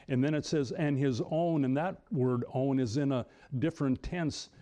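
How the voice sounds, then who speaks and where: A man preaching a Bible teaching sermon, often pausing and restarting, and rising sharply in pitch for emphasis. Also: dark tone. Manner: halting, many restarts, rises high for emphasis. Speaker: pastor.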